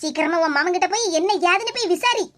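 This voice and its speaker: A voice actor doing a gossiping old granny. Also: female voice, very high voice, fast talker, a bit bright. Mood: insistent. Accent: southern Tamil. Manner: urgent, insistent gossip. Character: gossiping old woman neighbour, meddlesome.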